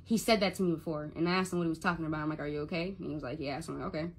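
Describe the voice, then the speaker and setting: A woman's voice: sits low, fairly even intonation, very fast, breathy edge. A young woman telling an emotional personal story to the camera as a mother, stuttering and repeating words when she gets upset.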